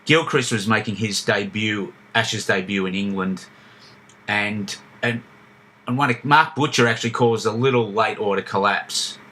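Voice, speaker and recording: Male podcast co-host, low pitch, bright edge, rambling storyteller. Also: a little slow. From Australia. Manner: reminiscing, storytelling with frequent restarts. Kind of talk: casual chat.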